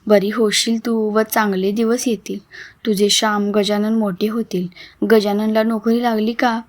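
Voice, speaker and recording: Woman doing a caring village friend, reassuring, gently scolding, storybook reading. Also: medium pitch, level tone, measured pace, close to an everyday voice. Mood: comforting.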